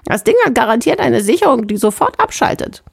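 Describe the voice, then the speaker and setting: A woman reading an audiobook, voicing a sharp-witted female chief engineer with a brisk, cocky manner. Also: fairly high pitch, big pitch swings, gravelly, slightly rough, dry recording, studio quality, voice pushed up, full character voice. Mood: explaining. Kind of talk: audiobook character voice.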